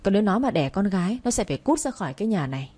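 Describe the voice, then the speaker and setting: A woman's voice: mid-range voice, sing-song, racing, mellow. A woman reading the part of a stern, harsh-tempered old rural father who scolds his son. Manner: scolding, curt.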